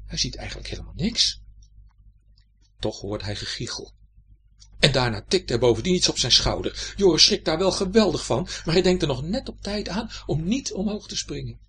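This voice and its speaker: Man, storybook narration, lively rising and falling pitch, slightly high, faint hiss. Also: normal speed.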